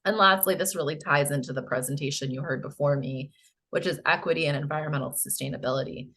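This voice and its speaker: Croaky, low-voiced American woman presenting. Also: fast, fairly bright tone. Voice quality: croaky, hoarse voice. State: hoarse, coughing. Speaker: presenter, housing finance agency staff. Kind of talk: public presentation to a board.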